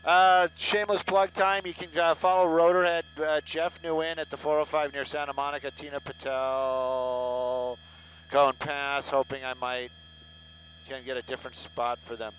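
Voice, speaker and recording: A man's voice: on the high side, little pitch movement, moderate pace, fairly bright tone, rough recording. A middle-aged man, a helicopter traffic reporter, rambling live on air in a joking, sarcastic, self-deprecating way through a headset mic. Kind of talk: live casual on-air chatter. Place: inside a helicopter in flight.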